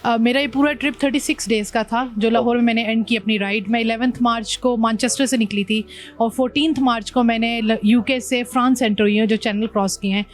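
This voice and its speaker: A woman's voice: on the high side, steady tone, a little fast. A woman from Pakistan, a motorbike traveller, telling her journey in an interview, mixing English words into her speech. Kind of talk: interview conversation.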